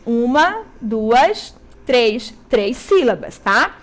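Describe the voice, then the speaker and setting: A woman with a Brazilian Portuguese accent teaches a school lesson on television in a slightly high, sing-song voice. Her style is didactic, stressing syllables slowly and frequently checking in with students using "tá?" and "certo?".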